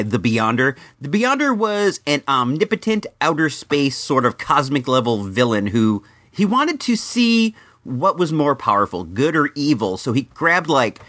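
A middle-aged man talks casually as a toy review host, mixing nostalgic stories with wry commentary. His pitch moves around in a lively way. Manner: conversational, wry. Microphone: microphone in a room.

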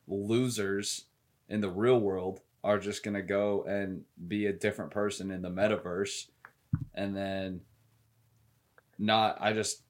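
A young man co-hosting a podcast in casual chat, laid-back and joking. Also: deep voice. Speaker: podcast co-host.

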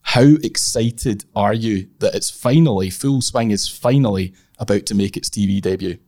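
A man's voice: on the low side, moderate pace, darkish tone, dry recording. A Scottish man hosting a casual golf podcast, with a nasal voice from a blocked nose. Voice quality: nasal, congested. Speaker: podcast host.

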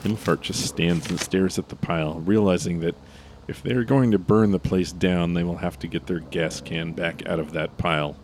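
A man's voice: deep voice, steady tone, normal speed, darkish tone, a little hiss or hum. A man reading scripted comic narration in a dry, matter-of-fact way.

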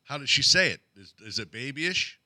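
A man co-hosting a casual podcast who hesitates and often starts his sentences over. His voice is very bright and tense, with lively swings in pitch. The close mic leaves his voice dry. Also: moderate pace, no room sound. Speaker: co-host.

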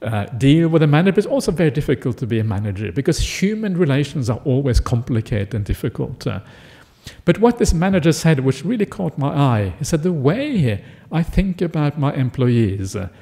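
In an easygoing, conversational Dharma talk, a middle-aged Buddhist monk originally from Norway speaks briskly at a medium pitch. He leans on "uh" fillers and frequent "yeah?" checks.

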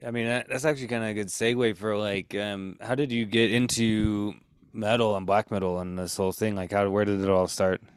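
A man's voice: on the low side, little pitch movement, brisk, smooth, no echo, clean studio sound. A man hosting a podcast, talking in a rambling casual way full of "like" and "you know". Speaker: podcast host. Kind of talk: casual interview chat.

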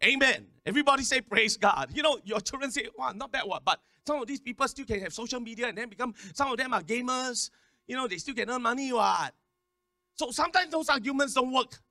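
A man preaching a sermon, repeating words in quick stammering runs and calling on the congregation to respond. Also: very high voice, expressive, sharp tone, no room sound, clean studio sound. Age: 50s. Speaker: pastor.

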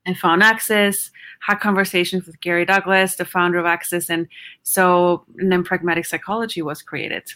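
A middle-aged woman from Austria speaks as an interview guest. Her voice is bright and clear, and she talks animatedly, laughing often and pausing to search for words. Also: fairly low pitch, fairly even intonation. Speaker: psychologist guest. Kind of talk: conversational interview.

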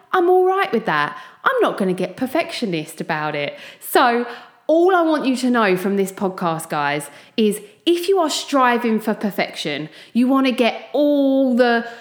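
Woman, Essex accent, mid-pitched voice, chatty podcast host, informal motivational pep talk, echoey room recording. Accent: Essex English. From Essex, England. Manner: informal pep talk addressed straight to listeners.

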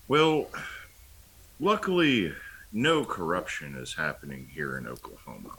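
A man with a very deep, husky voice co-hosts a political talk show. He speaks slowly and haltingly, with wry asides and frequent ums as he gathers his thoughts. It has the loose feel of casual commentary. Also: wildly swooping pitch, a bit bright.

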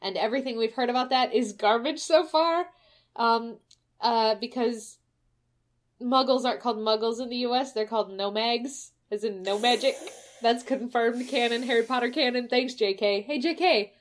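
A woman's voice: a little high, moderate pace. A woman with a Midwestern American accent co-hosting a podcast in casual chat, laughing often and swearing casually. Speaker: podcast co-host.

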